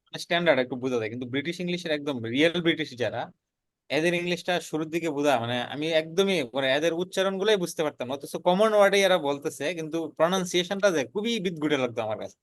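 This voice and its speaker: A man's voice: on the high side, rapid-fire, no echo. A young man, telling the story of his freelancing career in an earnest, casual way and often repeating words as he builds a point. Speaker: freelancer guest.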